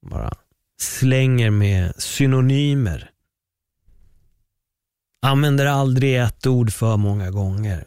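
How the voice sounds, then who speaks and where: A man hosting a solo podcast, talking in an opinionated, animated way with exclamations and laughs. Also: fairly low pitch, no echo, clean studio sound. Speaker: podcast host.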